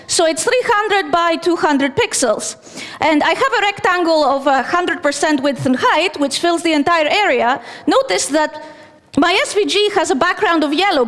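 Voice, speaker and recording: High-voiced woman speaking in a large hall. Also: fairly bright tone. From Greece. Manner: chatty, self-deprecating, with fillers. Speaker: conference speaker. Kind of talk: technical conference talk. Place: conference hall stage. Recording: long reverb of a large hall.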